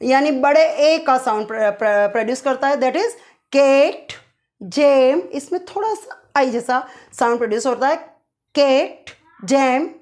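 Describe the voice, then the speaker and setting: High-voiced woman teaching phonetics. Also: lively intonation. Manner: repeats key points as quiz questions and answers them; draws sounds out slowly to demonstrate them. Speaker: English teacher. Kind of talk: explaining phonetic symbols to exam students.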